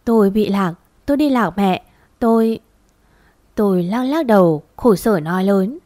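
A woman reads a spoken story aloud in a steady, even manner. Her voice sits at a middle pitch. The recording is close and dry, with no room sound. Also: a little slow, dry recording. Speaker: narrator. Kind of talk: scripted story narration.

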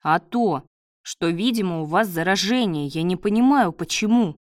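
A woman reading the part of a gruff, hungover male doctor who speaks curtly and snaps orders. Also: sits high, expressive, normal speed, no room sound, clean studio sound. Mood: angry. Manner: curt, snapping orders.

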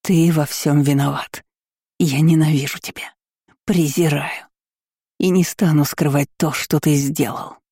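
A woman voicing a furious, scheming middle-aged baroness who talks in a slow, shrill and cutting way. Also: fairly even intonation, warm tone, husky, no echo, clean studio sound, exaggerated voice.

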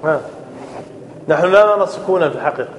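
High-voiced male grammar teacher drilling students. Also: expressive, fast, noisy background. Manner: often checks understanding with "clear?"; prompts students to answer. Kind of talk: classroom lesson.

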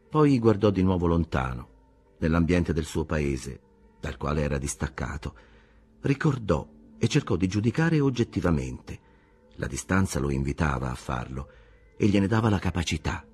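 A man narrating a literary audiobook in a measured, expressive reading. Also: sits low, slightly rough. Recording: radio podcast with faint music.

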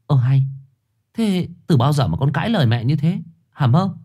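A man's voice: fairly high pitch, lively intonation, moderate pace, warm tone, husky, voice pushed up. A man voicing a village mother who scolds her young daughter sharply. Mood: scolding.

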